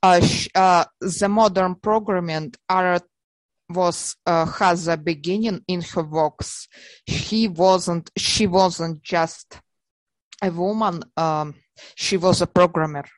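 Halting, slow-spoken woman with Russian accent. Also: on the low side, fairly even intonation, no echo. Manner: halting, searching for words in non-native English; emphatic, insistent, repeats words for emphasis. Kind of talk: unscripted conversation, explaining theories.

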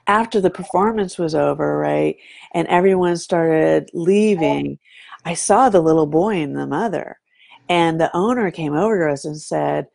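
A woman with a lowish, gravelly voice tells an animated story in a casual talk. She keeps drawing her listener in with "right?" as she goes. The sound is dry and close. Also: moderate pace, no echo. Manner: animated, fond of saying "right?" to draw the listener in.

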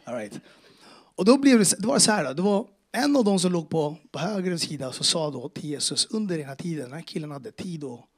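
A man's voice: on the high side, animated. A man telling his faith testimony to a church audience, casual and earnest, with street slang and acted-out dialogue. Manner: emotional, earnest. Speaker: speaker giving a personal faith testimony.

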